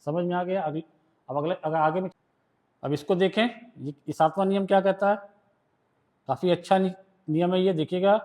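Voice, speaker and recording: A man's voice: high-pitched, fairly even intonation, darkish tone. A man with an Indian accent teaching a shorthand lesson, explaining rules step by step and often checking whether his students have understood. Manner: reads rules aloud in English slowly, then explains in Hindi. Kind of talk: classroom lesson.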